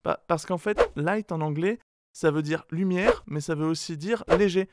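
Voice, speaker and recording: A man telling a pun and then explaining it haltingly, with stammering over-explanation. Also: a little high, background noise. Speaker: guest comedian. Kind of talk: deadpan joke explaining.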